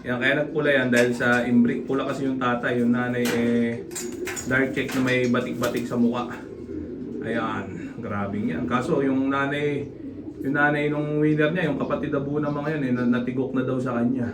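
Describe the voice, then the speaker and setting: A man casually walking viewers through his pigeon loft as a breeder, pointing out birds with quick asides. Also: mid-range voice, fairly even intonation. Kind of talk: casual vlog walkthrough. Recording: noisy loft with pigeons cooing.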